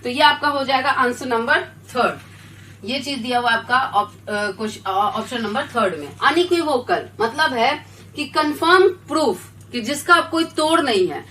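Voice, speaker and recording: A woman's voice: high voice, measured pace, bright, forceful tone, distant mic, a little hiss or hum, poor audio. A woman teacher explaining exam answers step by step, mixing in English science terms. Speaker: biology teacher.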